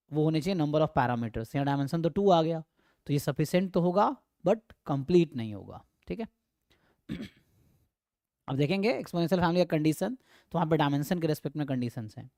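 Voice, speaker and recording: A man's voice: a little high, darkish tone, no echo, studio quality. A man teaching statistics, walking through exam problems and checking in with his students often. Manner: explanatory, frequent "है ना" check-ins, mixes English terms. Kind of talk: exam problem walkthrough lecture.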